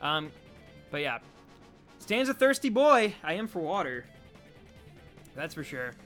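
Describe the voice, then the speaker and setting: A man chatting casually on a live stream, reading out chat in an animated, talkative way. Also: fairly high pitch, unhurried, faint music behind.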